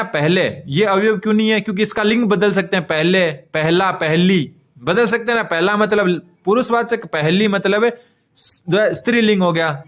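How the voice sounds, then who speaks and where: With a high-pitched voice, a man writes on a board during an exam-prep grammar class, asking his own questions, supplying the answers, and going over key terms again and again.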